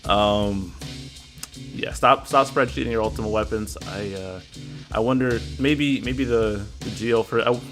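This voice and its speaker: A man's voice: fairly low pitch, a little slow, a bit bright, faint music behind. A man hosting a casual livestream chat, rambling and reading out viewer messages. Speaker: stream host.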